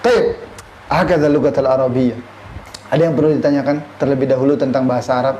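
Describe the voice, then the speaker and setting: Fast-talking with a dark, mid-range voice and fairly even intonation, this Indonesian teacher in his thirties is recorded with lo-fi sound. He quizzes his class and slips Arabic phrases in, the classroom echoey with faint room noise.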